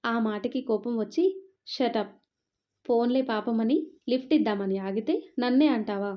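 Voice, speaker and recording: A woman narrating a love story and acting out every character's lines with expressive delivery. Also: on the high side, normal speed. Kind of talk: scripted story narration with acted dialogue. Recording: dull lo-fi audio.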